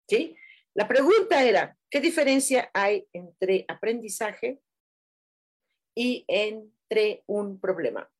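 A woman's voice: medium pitch, husky. A woman with a Mexican accent hosting a live stream, reading viewers' comments aloud and giving them affectionate, rambling spiritual messages with many fillers. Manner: warm, chatty, many fillers, affectionate terms. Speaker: livestream host giving angel messages. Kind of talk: casual live-chat reading.

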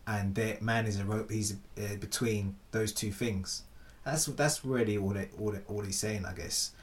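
A man's voice: fairly low pitch, fairly even intonation, normal speed. A man in a casual philosophical chat, thinking aloud with hesitant restarts.

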